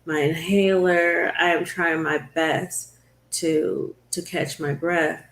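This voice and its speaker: A woman's voice: sits low, fairly even intonation. Woman recounting her illness, echoey room. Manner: earnest, storytelling, slows down at hard moments. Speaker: talk show host sharing her own illness story. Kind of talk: conversational recounting on a talk show.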